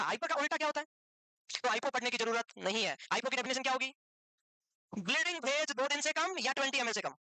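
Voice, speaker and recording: Fast-talking woman teacher, high voice, keeps quizzing the class, mixes english terms in, dry close sound. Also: bright, forceful tone, dry recording. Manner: quizzes the class with repeated questions; switches between Hindi and English medical terms. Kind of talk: classroom lecture.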